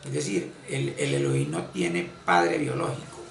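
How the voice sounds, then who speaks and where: A man giving an unscripted esoteric religious lecture, halting and repeating phrases as he searches for words. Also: sits low, big pitch swings, gravelly, recorded from a distance. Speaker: esoteric spiritual teacher. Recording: echoey room, voice off-mic, faint ambience.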